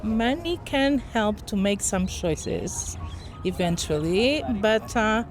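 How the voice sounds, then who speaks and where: A Portuguese woman in her fifties, a native Portuguese speaker, answers a street interview outdoors, in a thoughtful and halting way, searching for words. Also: medium pitch, lively intonation, over music. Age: 50s. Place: outdoors in a city.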